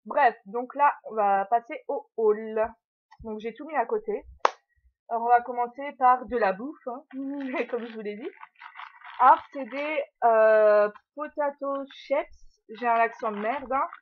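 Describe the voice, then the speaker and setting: A young woman vlogger chats casually and giggles through a haul video at home, talking to her puppy and filling her speech with little hesitations. Her voice is a little high and unhurried. The recording has dull lo-fi sound with a little hiss or hum.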